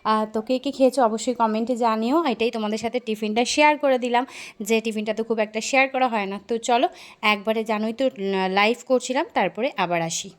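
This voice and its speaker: A woman's voice: on the high side, brisk. A young woman, chatting casually to viewers in a home vlog, often cooing at her child. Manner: chatty, talks baby-talk to her child. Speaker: vlogger. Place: home indoors.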